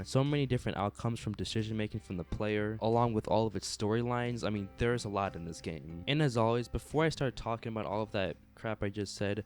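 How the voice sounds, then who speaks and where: A young man narrating a video game review in a casual, frank, conversational way. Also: on the low side.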